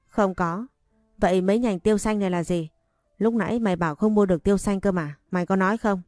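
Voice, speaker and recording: A woman's voice: mid-range voice, quick pace, a little mellow, no echo, studio quality, lightly acted. A woman voicing a fierce, blunt teenage girl who scolds harshly, in a storybook reading. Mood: scolding.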